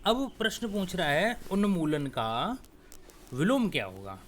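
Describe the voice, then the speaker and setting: A man's voice: high voice, huge pitch swings, a little slow, fairly bright tone, a little hiss or hum. A man teaching Hindi grammar for exam prep, explaining step by step and speaking straight to his students. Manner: explains step by step, often adds "theek hai"; talks straight to students, coaxing.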